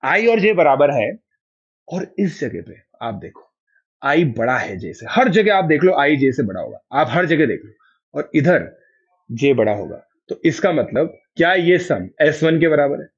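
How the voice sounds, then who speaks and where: A man's voice: a little high, very animated, unhurried, breathy edge, lo-fi sound. A man with an Indian accent teaching a math class online. He keeps coaxing his students to answer and confirm each step.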